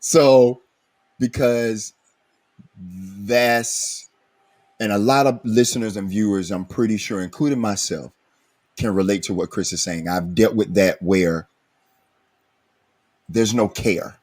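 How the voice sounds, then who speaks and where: Low-voiced earnest male host. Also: slow, long pauses, darkish tone. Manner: earnest and emphatic, preacherly encouragement. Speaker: podcast host. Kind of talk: recovery podcast interview.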